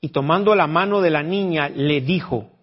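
A man's voice: on the high side, moderate pace. A man preaching a sermon in a conversational way, often quizzing the congregation. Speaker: pastor. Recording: dull lo-fi recording.

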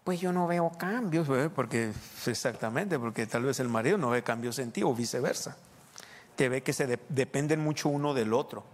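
A man's voice: medium pitch, moderate pace, long reverb tail. A man from Sonora with a northern Mexican accent, preaching a storytelling sermon in a church, chatting with the congregation and tossing in tag questions.

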